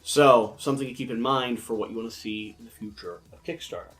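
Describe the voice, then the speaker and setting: A man's voice: medium pitch, steady tone, a bit bright, soft background music. A man hosting a casual board game review discussion, with a lisp that draws his s sounds out like a snake. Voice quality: lisp with drawn-out, hissy snake-like s.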